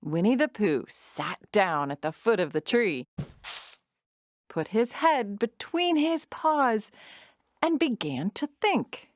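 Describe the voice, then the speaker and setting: Animated, unhurried woman storyteller. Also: medium pitch, dry recording, studio quality. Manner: expressive, measured storytelling. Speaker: narrator. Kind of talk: scripted children's storybook narration.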